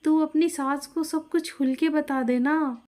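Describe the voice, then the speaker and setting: A woman's voice: sits high, fairly even intonation, unhurried, a little mellow, pitched above the performer's own voice. A woman voicing a supportive young elder sister who speaks earnest and direct.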